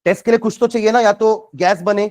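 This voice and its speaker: A man teaching chemistry, dictating notes slowly word by word and asking students rhetorical questions, mixing Hindi and English. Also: high voice, steady tone, darkish tone. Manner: mixes Hindi and English freely. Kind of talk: classroom lecture with dictation.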